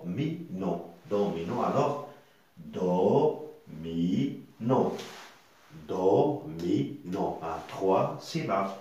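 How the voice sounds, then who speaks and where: Slow, patient man teaching in an echoey room. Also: on the low side, a little mellow. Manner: repetitive, patient, sounds out syllables slowly with tags like hein. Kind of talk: spoken reading lesson.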